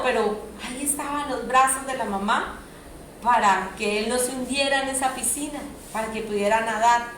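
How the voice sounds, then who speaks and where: Woman preacher, high voice, animated sermon, echoey hall with faint noise. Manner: animated, asks the audience questions often. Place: church hall.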